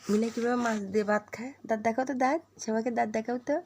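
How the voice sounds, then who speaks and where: A woman's voice: fairly high pitch, steady tone, quick pace, background noise. A woman in a casual home vlog, coaxing and doting on her pet in baby-talk while making asides to her viewers. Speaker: vlogger talking to her pet.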